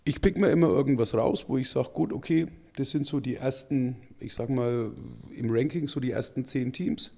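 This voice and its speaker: A middle-aged German man co-hosting a casual podcast, talking in loose, rambling runs full of little fillers. His voice is gravelly and dark, with a mellow, low-key tone. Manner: rambling, chatty, says "ich sag mal" a lot. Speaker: podcast co-host. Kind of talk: casual chat.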